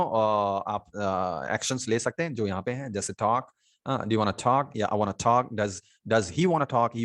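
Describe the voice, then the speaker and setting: A man with an Indian accent teaching an online English lesson in Hindi. He explains slowly, repeats example words, and keeps checking in with "है ना" and "ठीक". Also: medium pitch.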